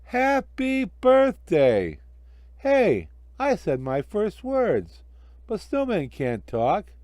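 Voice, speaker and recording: A man voicing a jolly, childlike storybook snowman who exclaims slowly in wonder at being alive. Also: high-pitched, huge pitch swings, darkish tone, no echo, voice pushed up, exaggerated voice. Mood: amazed, joyful. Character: jolly, childlike, amazed snowman come to life.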